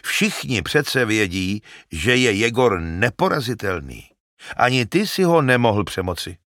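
Loud, eager old shepherd in a storybook, read by a man, lively voice, gravelly edge, dry sound. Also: lowish voice, no room sound, pitched above the performer's own voice. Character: excitable old male shepherd, talkative. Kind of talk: audiobook character reading.

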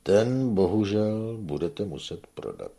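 A man's voice: low voice, animated, a little mellow, husky, full character voice. A man voicing a shrewd, authoritative old peasant with a familiar, persuasive manner, in a read storybook.

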